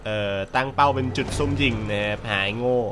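A man hosting a gaming channel, commenting on his play in a playful, joking way, politely chatty and breaking into excited yells and laughter. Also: medium pitch, fast talker, noisy background. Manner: polite, peppers speech with polite particles. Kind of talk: let's-play game commentary.

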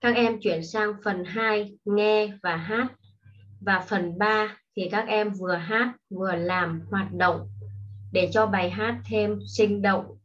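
Slow-speaking woman teacher, patient. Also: medium pitch, fairly even intonation, a bit bright. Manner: slow, patient explaining to children. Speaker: primary school English teacher. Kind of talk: online classroom lesson. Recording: dull lo-fi recording.

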